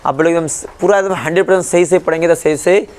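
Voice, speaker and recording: A man's voice: a little high, fairly even intonation, fast talker, darkish tone, some chatter behind. A male English teacher in a classroom, spelling words letter by letter and quizzing his class with repeated questions. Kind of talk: classroom lesson.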